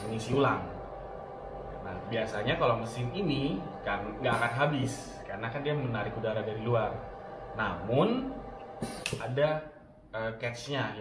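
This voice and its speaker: A man's voice: mid-range voice, recorded from a distance. Casual man reviewing gadgets, off-mic. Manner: relaxed, many fillers and restarts, mixes in English words. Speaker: product reviewer. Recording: roomy, off-mic, with steady room noise.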